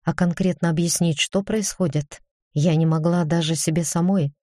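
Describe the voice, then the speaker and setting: A woman narrating a first-person fantasy audiobook in an even, measured reading. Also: fairly low pitch, dry recording, studio quality.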